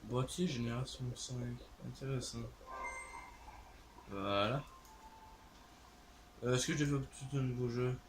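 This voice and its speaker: A man with a Québécois French accent talks through a game session at an unhurried, drawn-out pace. He hesitates often and fills his pauses with "euh" as he thinks aloud. A faint hiss of background noise sits under his voice. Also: mid-range voice, steady tone. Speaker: gaming channel host. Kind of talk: let's play commentary.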